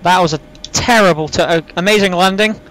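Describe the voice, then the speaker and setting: A man's voice: sits high, a little fast, a bit bright, poor audio. A man giving casual, rambling, self-deprecating gameplay commentary as a flight sim host, saying w for r. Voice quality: can't pronounce R's properly, says w for r.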